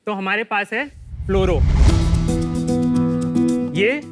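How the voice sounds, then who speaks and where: A man in his twenties pitching his company and answering questions in a joking, confident salesman's manner. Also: takes it slowly. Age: 20s. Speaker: pitcher on a business show. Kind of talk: rehearsed pitch and answers in Hindi-English mix. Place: TV studio set. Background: loud background music.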